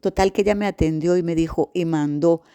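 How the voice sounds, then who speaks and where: A middle-aged woman with a Venezuelan accent tells her personal testimony in a warm, mellow voice. She tells it animatedly and acts out the people in her story. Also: fairly low pitch, fairly quick, clear, resonant tone. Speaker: testimony giver.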